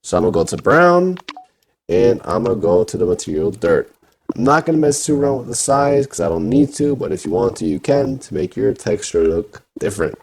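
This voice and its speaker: A man's voice: on the low side, big pitch swings, fairly quick, darkish tone, slight background noise. Man through a voice changer. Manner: plain instructing with filler "you know". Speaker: game tutorial maker. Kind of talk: casual step-by-step game tutorial.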